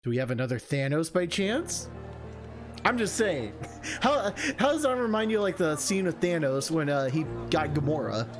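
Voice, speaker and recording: A video game streamer with a fairly high, very animated voice hosts a casual let's-play at normal speed, rambling and cutting himself off with enthusiastic asides. He also reads some game text aloud over the game's background music.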